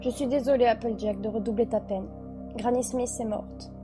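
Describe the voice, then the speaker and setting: A woman as a grave unicorn princess in a fan audio drama, her naturally high voice lowered and hushed, each word soft and heavy with sorrow. Faint music plays underneath. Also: steady tone, normal speed, lightly acted. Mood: sorrowful.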